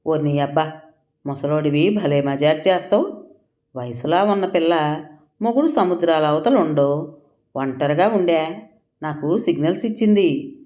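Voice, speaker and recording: A coarse, drunken village man boasts and gossips in a low voice, read by a woman narrator. His talk is crude and mocking, in the manner of a story read aloud. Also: expressive, measured pace, long pauses, mellow. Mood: boastful.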